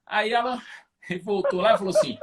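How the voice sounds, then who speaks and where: A Brazilian man with a notably high voice tells his story with animated energy. He is a business owner speaking as a guest on a live-streamed interview, and he keeps the tale moving with a lively, anecdotal flow. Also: a little fast, a little hiss or hum.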